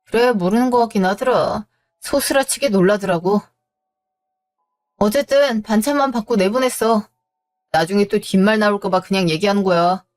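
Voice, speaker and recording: A woman's voice: medium pitch, normal speed, a little mellow, lightly acted. A woman voicing a rude, irritable middle-aged husband in a scripted audio drama. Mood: irritated. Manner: blunt and scornful.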